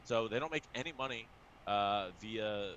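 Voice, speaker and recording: Excitable swearing man with a bright voice. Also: fairly low pitch, moderate pace, dull audio, slight background noise. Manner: excitable, swears often, many restarts. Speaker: poker streamer and coach. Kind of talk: casual show chat.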